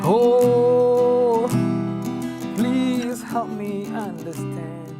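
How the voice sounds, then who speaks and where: A woman speaking a short poetic passage slowly and pleadingly. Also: on the high side, fairly even intonation, over loud music. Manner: slow and pleading. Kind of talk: poetic narration over music.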